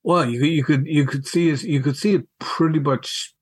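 A middle-aged man, reminiscing casually in a halting, wry way and repeating words as he goes. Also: on the high side, husky, no room sound. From County Mayo, Ireland. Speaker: podcast guest, school alumnus.

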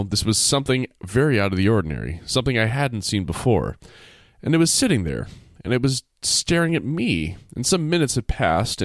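Lively, playful man reading aloud. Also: on the low side, dry recording, studio quality. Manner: playful, reads with jokey asides. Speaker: podcast co-host reading stories. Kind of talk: casual chat and reading aloud.

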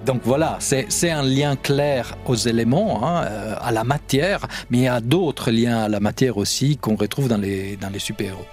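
Halting man with a mid-range voice. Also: mid-range voice, darkish tone, soft background music. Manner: halting, self-repeating. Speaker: podcast commentator. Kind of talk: conversational analysis.

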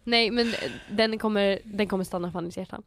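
A woman's voice: mid-range voice, steady tone, slight background noise. A young woman co-hosting a casual chat podcast, talking reflectively and slipping in English phrases. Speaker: podcast co-host.

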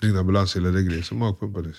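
A young man speaks in a fairly low voice, quietly and haltingly. He retells his story in loose everyday slang and acts out what people said. He is a guest being interviewed. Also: fairly even intonation. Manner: subdued, halting, slangy retelling with quoted dialogue. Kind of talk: candid personal storytelling.

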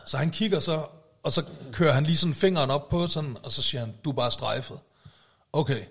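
A man telling a story in casual podcast chat, acting out shouted quotes. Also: fairly high pitch, slightly rough. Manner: animated, acts out shouted quotes.

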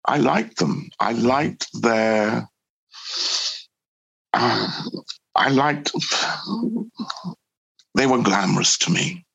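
A man from Newcastle with a Geordie accent, an actor reflecting in an interview, thoughtful and halting, often repeating words as he finds his thought. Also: medium pitch, creaky, a bit bright, slightly rough, rough recording. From born in Trinidad, grew up in Newcastle.

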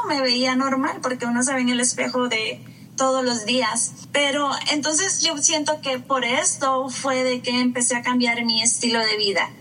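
A woman's voice: fairly high pitch, bright, forceful tone, far from the mic, a little hiss or hum, poor audio. A woman, a yoga teacher guest, chatting effusively and slipping English words into her talk. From Costa Rica. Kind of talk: casual chat.

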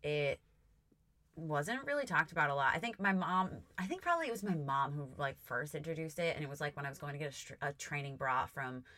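A woman's voice: sits low, expressive, brisk, pushed and bright, no echo. A young adult woman hosting a casual podcast chat, recorded inside a closet. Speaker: podcast host.

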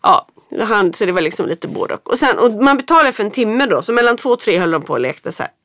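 A woman's voice: mid-range voice, no room sound, clean studio sound. A woman in her thirties telling a story in casual chat, acting out the voices of the people in it. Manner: lively storyteller, acts out quotes.

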